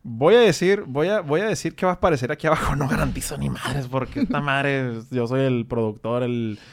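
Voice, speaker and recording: A northern Mexican man hosts a relaxed interview, with a mid-range voice at an ordinary pitch. He jokes a lot and swears casually as he chats. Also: a little fast. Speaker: podcast host and producer.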